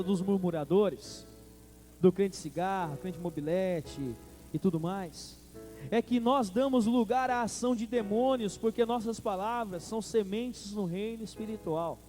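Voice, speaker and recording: A Brazilian Portuguese-accented man preaches a sermon, calling out to the congregation. His voice sits high but sounds soft and mellow. Faint music plays behind him. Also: moderate pace. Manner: preaching with call-and-response to the congregation. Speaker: pastor.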